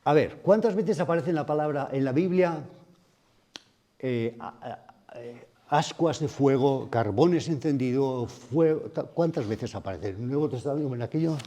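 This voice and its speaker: A man with a mellow, warm voice preaches a sermon at a men's retreat. He speaks in a reflective way and keeps turning to the room with questions. His pitch sits in a mid range for a man. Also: moderate pace. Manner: reflective, asks the audience questions.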